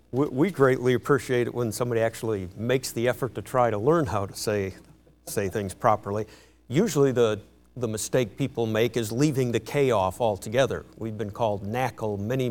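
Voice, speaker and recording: Male guest speaker, easygoing, self-deprecating, mid-pitched. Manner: light-hearted, self-deprecating, warmly chuckling. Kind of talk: church talk.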